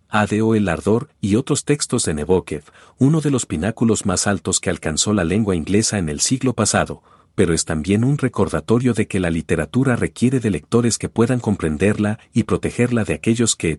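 A man reading a scripted literary essay in a measured, even way. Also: low voice, slightly rough, no echo, clean studio sound. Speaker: guest contributor.

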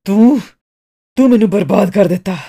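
A woman voicing a furious middle-aged male architect who shouts and stammers with rage, in an audiobook reading. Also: medium pitch, normal speed, slightly rough. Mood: enraged.

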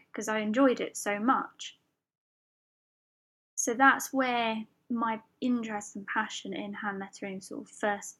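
A woman's voice: medium pitch, fairly bright tone. A woman hosting her own podcast, talking in a chatty, personal way with small fillers and the odd laugh. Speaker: podcast host. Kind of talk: solo podcast monologue.

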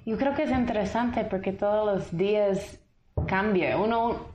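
A young woman from the United States, speaking Spanish in a relaxed, chatty way as a podcast guest. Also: medium pitch, measured pace, a little hiss or hum. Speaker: interview guest. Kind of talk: casual interview conversation. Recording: echoey room, slightly dull sound.

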